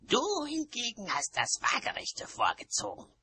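A woman voicing a proud, sharp-tongued old witch who speaks in a cutting, half-whispered hiss. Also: fairly high pitch, huge pitch swings, a little slow, breathy edge, no room sound, pitched above the performer's own voice, heavily acted. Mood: scornful.

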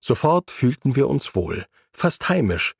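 A man with a husky voice reading a first-person travel story as scripted narration. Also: mid-range voice, very animated, measured pace, dry recording, clean studio sound.

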